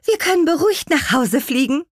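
A woman's voice: on the high side, sing-song, moderate pace, breathy edge, no echo, clean studio sound, voice pushed up. A woman voicing a small, cheerful young apple witch girl in a children's audiobook. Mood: eager.

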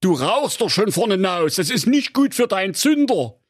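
A man's voice: sits high, animated, measured pace, no echo, clean studio sound, voice pushed up. A man voicing a good-natured, henpecked digger driver in a spoofed fairy tale. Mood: placating. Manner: weary, grumbling, placating.

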